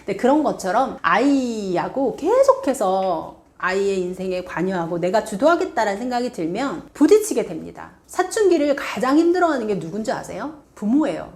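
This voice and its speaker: A woman's voice: medium pitch, normal speed, few pauses. A middle-aged woman, a middle school teacher and author, giving parenting advice and acting out the lines of parents and children. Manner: acts out parent and child lines in lively quoted voices.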